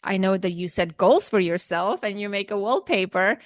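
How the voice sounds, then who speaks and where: A woman's voice: medium pitch, normal speed, no echo. A woman podcast host talks conversationally in a mid-range voice. The sound is very dry, with no room around it.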